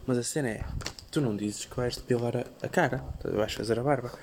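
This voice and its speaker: A young man with a European Portuguese accent rattles along quickly in an offhand, slangy way. It is casual podcast chat recorded outdoors, with clear noise behind the voice. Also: mid-range voice. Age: young adult. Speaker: podcast co-host. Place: outdoors, walking along streets.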